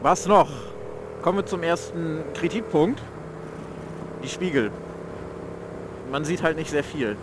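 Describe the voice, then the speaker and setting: A man's voice: a little high, unhurried, pauses often. A young man speaking from inside a motorcycle helmet, giving loose, slangy vlog commentary while riding and often searching for words. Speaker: motovlogger reviewing his motorcycle. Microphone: mic inside motorcycle helmet. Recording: helmet mic with engine and road noise. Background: motorcycle engine and outdoor traffic noise.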